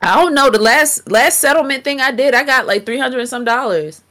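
A woman's voice: high voice, a little fast, sharp tone. American woman talking with dental aligners in. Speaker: podcast co-host. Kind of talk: casual banter.

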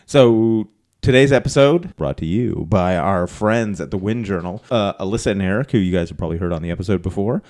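Male podcast host, lowish voice, loose and chatty, quick to laugh. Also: expressive, a little mellow. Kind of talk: casual podcast chat.

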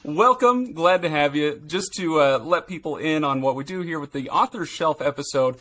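A man hosting a book podcast, chatty and quick to joke and laugh. His voice sits a bit higher than most men's. He moves between loose banter and a read-aloud recap. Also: background noise. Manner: joking, laughs often. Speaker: podcast host. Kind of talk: casual chat and read recap.

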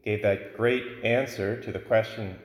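A man, a priest, reading the gospel and preaching a homily in a measured, explanatory way, his voice ringing with cathedral echo. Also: fairly low pitch, steady tone. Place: large church. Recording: echoey church with long reverb.

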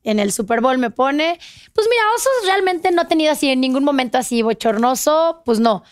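A woman with a Mexican Spanish accent, telling a story with emphatic, animated delivery in a casual panel chat. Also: high-pitched, fairly quick. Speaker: sports reporter guest.

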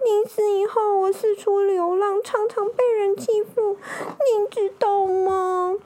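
Give me a woman playing a pitiful hungry little dog, crying in a high thin voice. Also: fairly even intonation, takes it slowly, dark tone. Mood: pleading, tearful. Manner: whimpering, crying.

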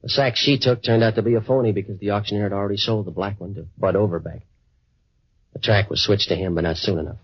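An actor playing a wisecracking American private eye in a 1940s radio noir, deadpan and clipped. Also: male voice, lowish voice, quick pace, breathy edge, dry recording. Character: hard-boiled wisecracking male waterfront private eye. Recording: dry, muffled 1940s radio recording.

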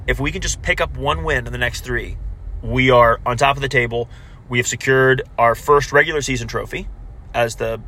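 A man co-hosting a casual soccer recap, correcting himself as he goes, heard on low-quality audio recorded while driving in a car. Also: pushed and bright. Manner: talks through standings with frequent self-corrections. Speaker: podcast co-host. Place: moving car.

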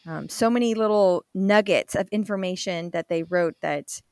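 A woman's voice: mid-range voice, normal speed, a little mellow, dry recording, studio quality. A woman hosting a faith podcast, speaking in an enthusiastic, encouraging way as she introduces and interviews a guest. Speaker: podcast host.

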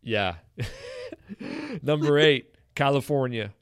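A man with an Acadian French Canadian accent, hosting a casual bilingual interview in an informal, halting way. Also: medium pitch, wildly swooping pitch, no echo, studio quality. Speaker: host.

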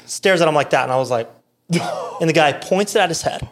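A man with an American accent, a podcast guest, telling a story in casual, animated chat with lots of fillers and quoted voices. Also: on the high side, a little fast.

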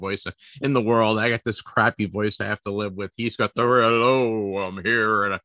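Bright-voiced rambling podcast host man. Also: mid-range voice, no room sound. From Boston area, US. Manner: rambling, self-deprecating, trips over words. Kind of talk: casual podcast chat.

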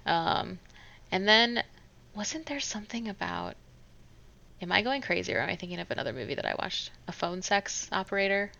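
A woman's voice: medium pitch, expressive, moderate pace, vocal fry, bright, forceful tone. A woman casually chatting as a podcast co-host, retelling movie scenes with lots of "like". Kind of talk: casual chat recapping a movie. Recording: dull lo-fi sound.

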